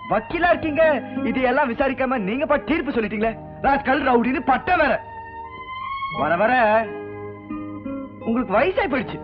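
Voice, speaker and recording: A brash, sarcastic young man squares up to his elders in an old film. His voice sits very high and swings widely. The soundtrack is dull, with film music running underneath. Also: big pitch swings, moderate pace, pauses often. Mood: indignant. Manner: sarcastic, confrontational. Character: brash defiant young male lover. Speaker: film hero, a young singer. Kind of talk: 1980s film dialogue.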